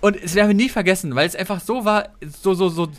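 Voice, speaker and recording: A man, co-hosting a casual podcast chat, telling stories lively and acting out customers' lines. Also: high-pitched, fast. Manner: animated storytelling, acts out customer quotes. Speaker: podcast co-host.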